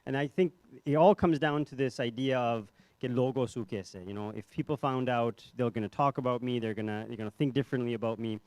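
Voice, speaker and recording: A man's voice: mid-range voice, fast talker, hardly any pauses, darkish tone, clean tone, no room sound. A young man, a psychiatrist, giving a conference talk in a ballroom with a handheld mic, conversational and self-deprecating, with many fillers and restarts. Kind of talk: conference presentation. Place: hotel ballroom.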